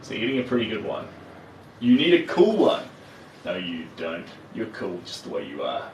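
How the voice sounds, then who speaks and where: A man's voice: fairly low pitch, wildly swooping pitch, moderate pace, darkish tone. A man with a broad New Zealand accent chatting casually and encouragingly to viewers as he hosts a livestream. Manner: encouraging, reassuring. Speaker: livestream host. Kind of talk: casual livestream chat while working, replying to viewers. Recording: roomy, distant mic with faint noise.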